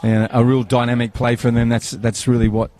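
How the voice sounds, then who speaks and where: A man's voice: medium pitch, flat delivery, brisk, darkish tone. Chatty male football commentator. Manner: chatty, rambling, with banter and many fillers. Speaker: match commentator. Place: outdoors at a football ground.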